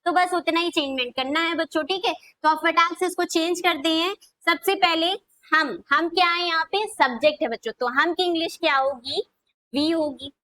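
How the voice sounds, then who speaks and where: Woman, high-pitched, grammar teacher, question-and-answer style, slow dictation. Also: bright, forceful tone, dry recording, low-quality recording. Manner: repeats questions back to students, drawn-out dictation. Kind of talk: classroom video lesson.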